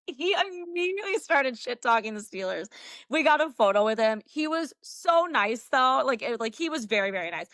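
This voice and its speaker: Chatty woman telling a lively story. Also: high-pitched, moderate pace, dry recording, studio quality. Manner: chatty, laughs often, acts out quotes. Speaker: guest, Steelers fan. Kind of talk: casual storytelling interview.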